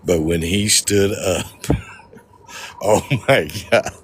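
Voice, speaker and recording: Very deep-voiced man, slow, laughing. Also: slight background noise. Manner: laughs often, joking and swearing. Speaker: paranormal vlogger. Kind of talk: casual storytelling to a livestream audience. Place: outdoors in a cemetery at night.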